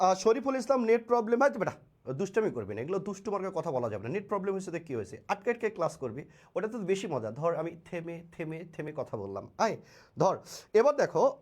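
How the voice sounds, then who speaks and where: A man's voice: high voice, a little mellow. A man teaching a live online English class, playful and coaxing, calling his students children and answering them by name, with speech.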